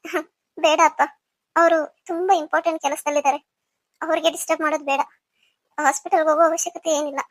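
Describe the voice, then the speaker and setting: A woman's voice: high-pitched, little pitch movement, fast talker, long pauses, no echo, natural voice. A woman playing a hurt young wife who speaks in a pleading, emotional way. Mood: subdued.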